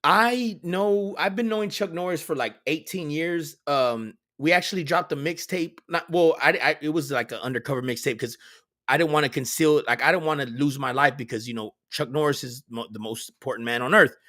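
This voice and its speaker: Rambling joker on a casual stream. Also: male voice, fairly high pitch, a little fast, pushed and bright. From San Antonio, Texas. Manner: rambling, absurd joking with a straight delivery. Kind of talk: casual live stream chat.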